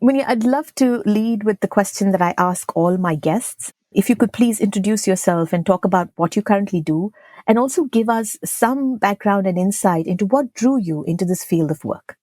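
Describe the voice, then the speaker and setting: A woman's voice: mid-range voice, normal speed, mellow, dry recording. A woman hosting a podcast, reading a guest introduction and asking conversational interview questions. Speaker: podcast host.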